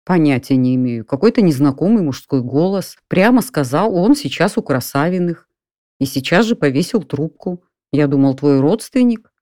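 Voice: mid-range voice, lively intonation, moderate pace, mellow, no echo, studio quality, natural voice. Чтец изображает возбуждённого приятеля у телефона, настойчивого, голос повыше. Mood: insistent. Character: excited friend calling from a restaurant.

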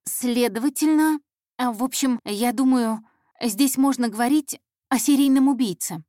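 A woman's voice: a little high, moderate pace, warm tone, dry recording, clean studio sound, voice pushed up, close to an everyday voice. A woman voicing a nervous young female intern reporter who stumbles and hesitates over her words. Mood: flustered. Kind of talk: audiobook character voice.

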